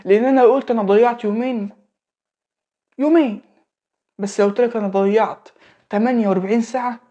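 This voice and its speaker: A man's voice: sits high, fairly even intonation, fast, dark tone, dull audio. A young man in his late teens with an Egyptian Arabic accent giving a casual religious talk, repeating phrases and checking in with the listener. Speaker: religious advice speaker.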